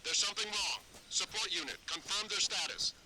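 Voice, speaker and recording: An actor playing a headquarters radio operator, calling out terse commands over a crackly field radio. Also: male voice, sits high, brisk, sharp tone, soft background music. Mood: tense.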